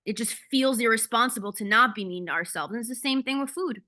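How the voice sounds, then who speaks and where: A woman's voice: a little high, fast, sharp tone. A woman coach giving a casual, candid talk on a video call, blunt and swearing freely. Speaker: ADHD coach.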